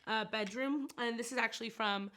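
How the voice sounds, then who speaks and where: Brief: chatty woman, giggly rambler, bright tone. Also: a little high, normal speed. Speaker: actress and set designer interviewed about her film. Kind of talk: casual chat.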